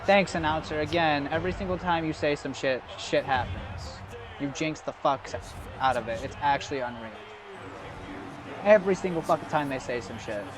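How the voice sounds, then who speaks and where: A man's voice: on the high side, normal speed, over music. A young man streaming a football video game, chatting casually with viewers, swearing often and greeting them by name. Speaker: gaming streamer. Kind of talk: casual live gameplay commentary.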